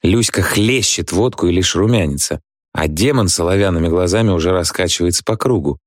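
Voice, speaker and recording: A man narrating a story calmly in the first person, as an audiobook reader. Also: deep voice, brisk, no echo, clean studio sound. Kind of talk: scripted narration.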